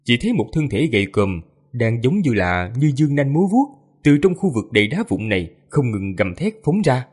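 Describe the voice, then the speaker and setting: A male storyteller with a mid-range voice that rises and falls a great deal as he reads. His tone is slightly husky, and his narration is steady and expressive. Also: mid-range voice, normal speed. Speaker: audiobook narrator.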